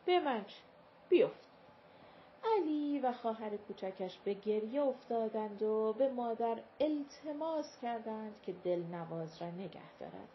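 Woman, audiobook narrator, calm measured reading, somewhat high voice, muffled lo-fi sound. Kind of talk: scripted literary narration. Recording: dull lo-fi recording with faint hiss.

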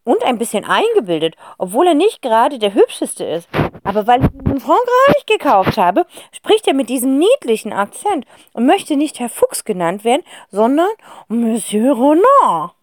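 Woman playing a shrill flamboyant countess. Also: big pitch swings, moderate pace, no echo. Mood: haughty. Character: flamboyant eccentric aunt, pompous countess.

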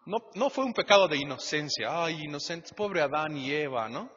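Husky-voiced Mexican pastor preaching. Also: male voice, fairly high pitch, moderate pace. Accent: Mexican Spanish. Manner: lively, conversational preaching with rhetorical questions. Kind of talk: sermon. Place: church hall. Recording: muffled church hall recording with long reverb.

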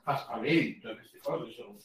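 A man's voice: mid-range voice, a little slow, slight background noise. A man hosting a live show in a casual, chatty way, his voice roomy and a little far from the mic. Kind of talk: casual chat. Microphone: wearing headphones, voice distant from mic. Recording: roomy echo, distant from mic.

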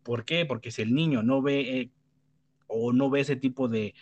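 A man's voice: mid-range voice, moderate pace, no echo. A man with a Mexican accent giving opinions in a casual debate, rambling and blunt, swearing freely and tagging his points with questions. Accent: Mexican Spanish. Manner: rambling, many restarts and tag questions. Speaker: panelist.

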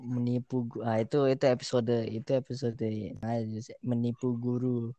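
A young man tells a school story in casual chat. He has a mid-pitched voice and laughs as he goes. The sound is dry and close. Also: little pitch movement, normal speed, mellow, dry recording. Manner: laughs through his stories, swears casually.

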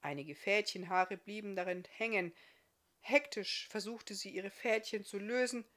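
A woman, an author, reading her own fairy tale aloud in a calm, even storytelling manner. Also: medium pitch, measured pace.

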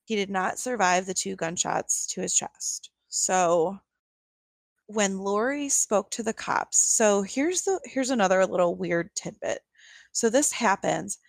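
A woman's voice: mid-range voice, expressive, measured pace, creaky, no echo. Young woman, casual podcast chat, filler-heavy, incredulous, dry close sound. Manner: chatty, many fillers, incredulous asides. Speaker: podcast co-host. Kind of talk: casual true-crime chat.

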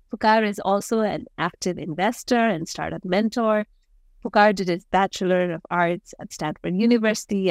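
A woman's voice: lowish voice, vocal fry, dry recording. Woman podcast host, dry close sound. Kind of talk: podcast interview.

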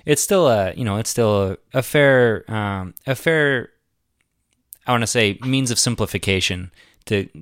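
A man's voice: on the low side, a bit bright, no echo, clean studio sound. A man hosting a podcast, chatting casually with a guest in a rambling, enthusiastic way and laughing often. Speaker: podcast host. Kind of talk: casual conversational interview.

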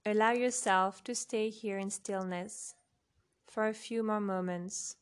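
A woman speaks in a soft, unhurried voice, leading a guided relaxation for sleep. Her pace is very slow, with long pauses between short phrases. Her pitch sits in a medium range. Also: steady tone.

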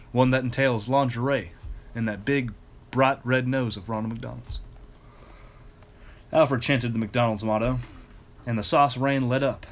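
A man reading a ridiculous fan fiction story aloud in a casual, deadpan way, now and then breaking into laughter. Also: mid-range voice.

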